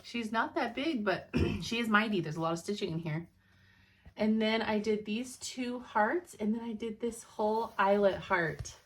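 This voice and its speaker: Young woman, casual home vlogger, sleepy, rambling, chatty, average pitch. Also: moderate pace, breathy edge. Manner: chatty, rambling, laughs often. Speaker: cross-stitch vlogger. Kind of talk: casual chat.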